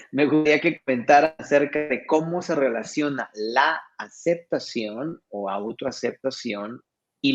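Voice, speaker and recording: A man hosting a conversation and passing on viewers' questions with examples. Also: mid-range voice. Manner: relays audience questions, gives examples. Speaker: host. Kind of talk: casual interview talk. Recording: dull lo-fi sound.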